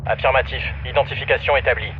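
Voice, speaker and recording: A man's voice: mid-range voice, steady tone, faint music behind. A man voicing a video game drone operator, reporting in terse, clipped phrases over a military radio. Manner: terse, brisk, matter-of-fact. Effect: military radio transmission. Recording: muffled game radio over battle noise.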